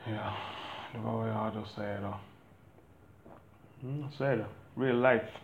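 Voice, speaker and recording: A man speaks candidly about fatherhood with a gravelly, creaky voice. He rambles and swears bluntly with self-deprecating asides. The recording sounds a bit muffled, with faint noise behind him. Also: fairly low pitch, steady tone, reverberant. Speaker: father talking about parenting. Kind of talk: candid monologue.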